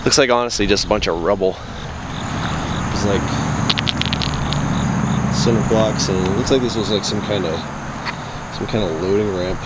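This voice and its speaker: A man's voice: lowish voice, measured pace, pauses often. A young man walking an overgrown empty lot, talking casually to a handheld camera with loose, rambling "like" fillers. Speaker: vlogger exploring abandoned sites. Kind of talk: casual walk-and-talk narration. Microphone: handheld camera at arm's length. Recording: outdoor camera audio with clear insect noise. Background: insects and distant traffic outdoors.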